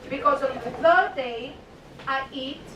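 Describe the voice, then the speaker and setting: A woman with a Greek accent gives a live cooking demonstration to an audience, playful and emphatic, repeating words and asking questions. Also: measured pace. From Greece. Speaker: cooking demonstrator on a cruise ship. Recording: echoey room, distant mic, noisy rumble.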